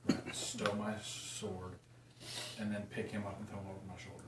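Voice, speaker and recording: Low-voiced man playing a tabletop paladin. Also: level tone, normal speed. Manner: hesitant, lots of ums. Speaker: player, paladin. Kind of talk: casual tabletop play. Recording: echoey room, loud noise, mic far off.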